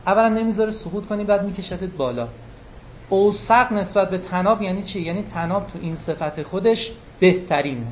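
High-voiced man giving an animated religious talk. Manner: animated, stretches words for emphasis. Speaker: preacher. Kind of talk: religious lecture. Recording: muffled lo-fi recording with faint room noise.

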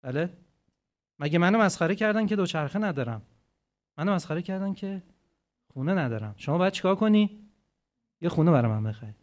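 A man giving a religious talk to a gathering, animated, swinging between loud emphatic phrases and quiet asides, and asking his listeners rhetorical questions. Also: sits high, pauses often. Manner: asks the audience rhetorical questions. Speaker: preacher.

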